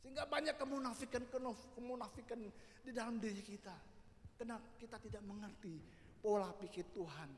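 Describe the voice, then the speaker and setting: A middle-aged man from Indonesia preaching a sermon as a pastor, building from quiet personal testimony to shouted declarations. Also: very high voice, fairly quick, a little hiss or hum. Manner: preaching with rising shouts and repeated "saudara" tags. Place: large church hall. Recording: echoey hall reverb.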